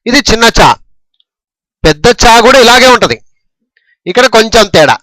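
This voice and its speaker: Man, high voice, dry close sound, patient teacher, slow syllable drills. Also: lively intonation, sharp tone, no room sound, low-quality recording. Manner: patient, repetitive drilling, frequent "okay?" checks. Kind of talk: Telugu alphabet lesson, reciting syllables.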